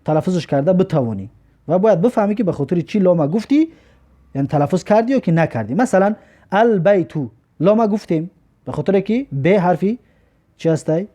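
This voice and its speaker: Slow, lilting Tajik-accented male teacher. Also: animated, mellow. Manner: reads each word slowly, then explains in a lower voice. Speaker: Arabic teacher. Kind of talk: recorded lesson.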